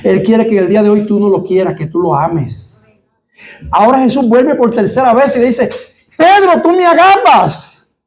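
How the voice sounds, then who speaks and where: High-voiced preacher with a Puerto Rican accent. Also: male voice, moderate pace. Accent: Puerto Rican Spanish. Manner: fervent preaching, rises to near-shouting at climaxes; addresses the congregation directly with rhetorical questions. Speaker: pastor. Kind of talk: sermon.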